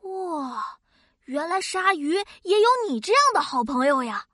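Super high squeaky kids cartoon host, excitable n wide-eyed, crisp dry sound. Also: female voice, measured pace, no room sound, heavily acted. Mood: amazed. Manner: exclaiming, wide-eyed, sing-song address to children. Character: Qiqi, excitable childlike friendly kids' science show host. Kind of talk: children's science cartoon presenting.

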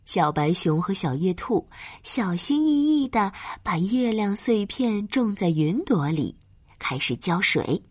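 A woman tells a bedtime story to small children in a gentle, breathy voice. Her pace is slow and her intonation swoops expressively, recorded close and dry. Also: mid-range voice, big pitch swings, no echo. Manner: gentle, dramatized, drawn-out phrasing. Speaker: storyteller, narrator.

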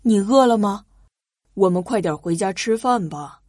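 Storybook dad, patient and gentle, lowered mellow husky voice, read by a woman. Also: expressive, moderate pace, dry recording, studio quality, close to an everyday voice. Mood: coaxing. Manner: gentle, explaining. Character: patient cheerful father, adult man. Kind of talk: children's storybook narration.

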